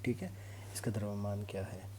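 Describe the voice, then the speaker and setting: A man with a lowish, warm voice speaks briskly and steadily, giving an informal physics lesson to exam students. He explains things step by step and keeps checking that his students are following along. A hum and other background noise are clearly audible.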